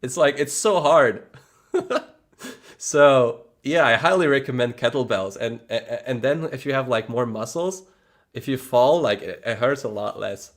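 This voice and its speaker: This livestream host from Poland speaks with a Polish accent at a measured pace in a mid-range voice. Polish is his first language, and his casual chat is rambling, full of restarts and frequent laughter, frank and chatty with light cursing.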